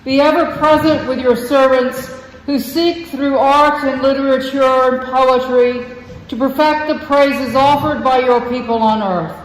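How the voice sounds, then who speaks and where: Slow, high-voiced man leading prayer. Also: a little hiss or hum. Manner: slow, measured, formal. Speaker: clergy introducing a guest. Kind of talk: liturgical prayer and welcome. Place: church hall. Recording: echoey hall from far off.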